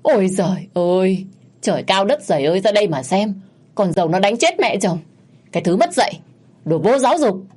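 A woman's voice: mid-range voice, lively intonation, a little fast, darkish tone, slightly rough, pitched above the performer's own voice. A woman voicing a spiteful old mother-in-law who screeches, scolds and wails in a storytelling recording. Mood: wailing. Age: older.

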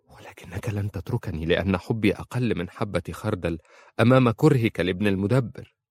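A man with a low voice reading an audiobook and voicing a distraught young woman who pleads through her tears. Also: a little fast, a little mellow, no room sound, close to an everyday voice. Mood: desperate. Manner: pleading, trembling. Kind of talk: audiobook character voice.

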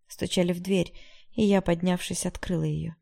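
Low gravelly woman reading a novel. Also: steady tone, moderate pace, mellow. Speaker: audiobook narrator. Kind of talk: first-person novel reading.

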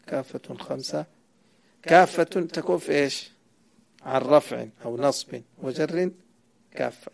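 A sheikh teaching Arabic grammar explains a grammar poem to a student, quizzing him with questions and correcting his answers as he goes. His voice is medium-pitched and creaky.

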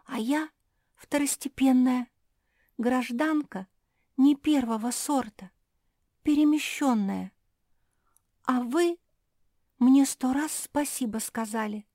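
Woman reading as a shrill tearful liar creature. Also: slow, long pauses, dark tone, dry recording, studio quality, full character voice. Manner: sobbing, shrill, fretful.

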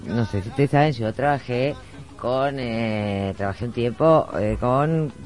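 A man with a Rioplatense Argentine accent, chatting anecdotally on the radio in a halting way. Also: medium pitch, darkish tone, faint music behind. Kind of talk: casual anecdotal radio chat. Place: radio studio.

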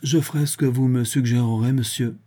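A man voicing a carefree young gentleman who talks in a light, nonchalant, mock-polite way. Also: medium pitch, steady tone, a little fast, husky, voice pushed up, natural voice.

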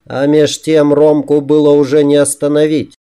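A man narrating a fantasy novel in the first person, with lively, humorous storytelling. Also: on the high side, moderate pace, clean tone. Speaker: audiobook narrator.

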